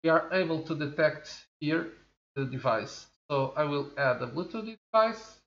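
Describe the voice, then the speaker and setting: Unboxing a product for his tech review channel, a native Portuguese-speaking man in his forties chats slowly at a studio desk, thinking aloud with many fillers. His voice is a little high, expressive and fairly bright, and the echoey, slightly dull recording carries some hiss or hum.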